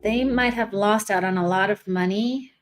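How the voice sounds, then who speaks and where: A woman's voice: mid-range voice, moderate pace. A woman giving a casual tarot reading, thinking aloud and trailing off between cards. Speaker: tarot reader.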